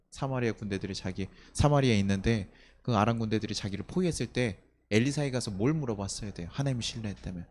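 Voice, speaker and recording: Male pastor, mid-pitched, animated preaching full of rhetorical questions, faint ambience behind. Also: slight background noise. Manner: animated, many rhetorical questions, acts out quoted speech. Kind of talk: sermon. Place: church sanctuary.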